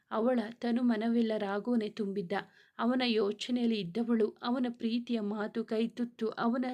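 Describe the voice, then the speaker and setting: A woman narrating a serialized romance story in a steady, emotive read-aloud. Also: a little high.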